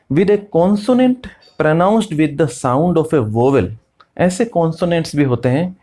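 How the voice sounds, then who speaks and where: Guy teaching english grammar, slow and patient, repeats every example. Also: medium pitch, darkish tone. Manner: explains slowly, repeating each example, reads English rules aloud slowly. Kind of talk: classroom lecture.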